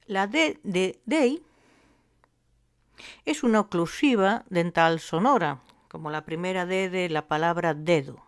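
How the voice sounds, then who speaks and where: Slow, deliberate woman teaching. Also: fairly low pitch, smooth. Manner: slow and deliberate, spelling out sounds with pauses. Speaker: language teacher. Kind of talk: explanatory phonetics lesson.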